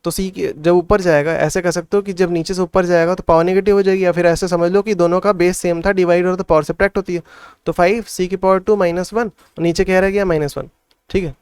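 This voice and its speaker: Smooth-voiced maths tutor, thinking aloud. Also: male voice, sits high, steady tone, a little fast, darkish tone, no room sound, clean studio sound. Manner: thinks aloud, frequent "theek hai" checks. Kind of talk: solving textbook problems step by step.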